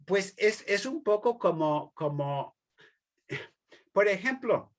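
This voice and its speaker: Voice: mid-range voice, animated, slow. A teacher lecturing a class, talking hesitantly with many fillers, restarts and tag questions, and explaining through everyday examples.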